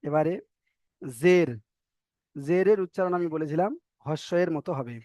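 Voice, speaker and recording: A man teaching a recorded online reading class, drilling letters slowly one by one and explaining in quick bursts. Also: a little high, a little mellow, no room sound, clean studio sound.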